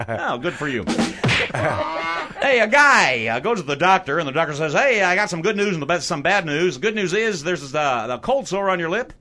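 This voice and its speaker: A corny borscht belt stand-up comic, acted by a man, with a high voice that swoops around. He delivers hammy old-school one-liners and chuckles at his own gags. The live club-style recording is plainly noisy. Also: sing-song, moderate pace, sharp tone. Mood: hammy, gleeful. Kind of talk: stand-up comedy routine.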